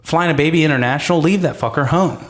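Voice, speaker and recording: A man's voice: a little high, quick pace. A man co-hosting a podcast, ranting with emphasis and plenty of swearing in casual chat. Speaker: podcast co-host.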